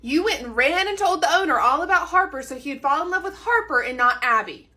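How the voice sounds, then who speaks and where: A woman's voice: high-pitched, animated, brisk, pushed and bright, pitched above the performer's own voice. A woman voicing a touchy, dramatic male coworker who protests indignantly. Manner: indignant, raised voice. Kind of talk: roleplay skit voicing.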